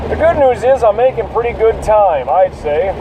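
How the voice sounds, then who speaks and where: Animated at a normal speed, this podcast host's high voice rants casually from behind the wheel in heavy rain, cursing other drivers. He is recorded from a distance, with rain and road noise in the car.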